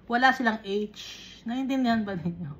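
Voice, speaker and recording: A woman's voice: fairly high pitch, a bit bright. A woman teaching a Bible lesson, often stopping to check that her listeners follow. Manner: unhurried, explaining with frequent checks on listeners. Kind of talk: Taglish Bible study teaching.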